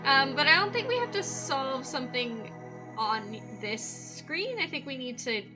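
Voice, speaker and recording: A woman's voice: sits high, very animated, moderate pace. A woman with a Canadian accent chatting casually on a gameplay livestream, thinking aloud and laughing often. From West Coast of Canada. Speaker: streamer. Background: game music.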